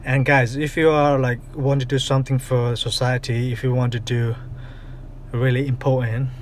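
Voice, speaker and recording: A man's voice: mid-range voice, flat delivery, normal speed. A man in his thirties vlogging to a phone at arm's length outdoors and in a car, rambling with many fillers and restarts. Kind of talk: casual vlog to camera. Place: outdoors on city streets, partly in a car. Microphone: phone held at arm's length. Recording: phone recording with clear street noise. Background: street and car noise.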